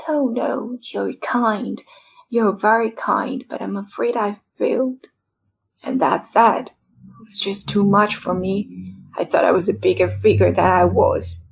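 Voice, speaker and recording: A woman voicing a frail, dying male writer who speaks in a soft, half-whispered, weary and rambling way. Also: mid-range voice, steady tone, measured pace, vocal fry, slight background noise. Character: frail dying middle-aged male writer, self-deprecating.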